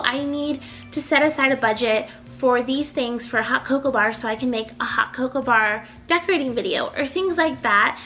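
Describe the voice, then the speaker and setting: Bright and high-voiced, this young home decor YouTuber chats casually in an upbeat, rambling style, dropping lots of "like." She's getting over being sick, so her voice sounds a little off.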